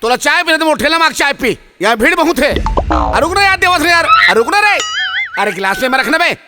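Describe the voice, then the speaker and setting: An actor playing a cheeky, loud-mouthed street tea seller who hawks in a sing-song, with a Chhattisgarhi accent. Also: male voice, very high-pitched, sing-song, fairly quick, over music. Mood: bantering. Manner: sing-song hawking, teasing.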